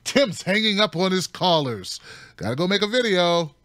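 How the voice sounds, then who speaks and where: Relaxed male call-in host, laughing banter, slightly high voice, dry close sound. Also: normal speed, no room sound. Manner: loose, laughing, friendly banter. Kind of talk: casual talk show hosting.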